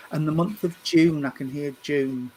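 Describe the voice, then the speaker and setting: Halting man in his fifties. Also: on the high side, steady tone, a little mellow, a little hiss or hum, rough recording. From England. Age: 50s. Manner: hesitant, repeats and restarts words. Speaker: medium. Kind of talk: spirit reading at a church service.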